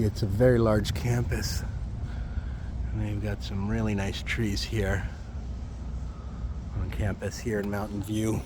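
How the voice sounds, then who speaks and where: A man giving a casual, easygoing walking-tour commentary, recorded outdoors as he walks. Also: fairly low pitch. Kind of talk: casual walking vlog narration. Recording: clear outdoor traffic and ambient noise.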